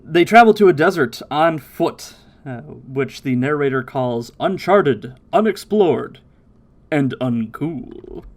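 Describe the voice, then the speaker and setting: A man hosting a casual podcast, recapping episodes in an animated way and slipping into impressions of the characters. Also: fairly high pitch, slow. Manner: animated, mimics characters' voices while recapping. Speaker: podcast host.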